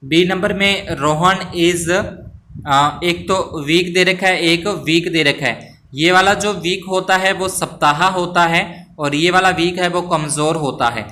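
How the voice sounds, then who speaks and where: A man's voice: fairly high pitch, pushed and bright. A male teacher patiently explaining test answers, spelling words out letter by letter and mixing in English phrases. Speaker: school teacher.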